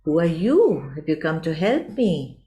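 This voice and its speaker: A woman voicing a small, frightened young caterpillar in a storybook tale, with a high, pleading, panicky voice. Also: very animated, unhurried, dark tone. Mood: anxious.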